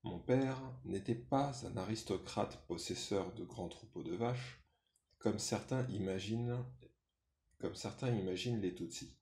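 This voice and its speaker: A man reading a first-person memoir aloud in a measured, sober way. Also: on the low side, darkish tone. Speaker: reader. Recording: roomy echo.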